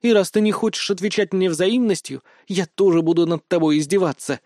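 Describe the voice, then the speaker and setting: A shrill, teary young woman spits out her revenge, as a male narrator puts her on. Her voice jumps high and squeaky, read close and dry for an audiobook. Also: a little fast, darkish tone, no echo. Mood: scorned, vengeful. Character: tearful vengeful young woman, spurned lover.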